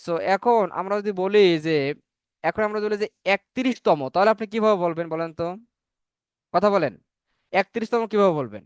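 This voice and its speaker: A man teaching a spoken English class, repeating each number slowly so learners can say it after him. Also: high-pitched, smooth, no room sound.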